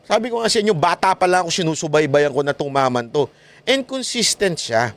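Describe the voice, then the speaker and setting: A man giving casual political commentary as a vlogger, animated and mocking, laughing often between points. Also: fairly high pitch, fairly quick.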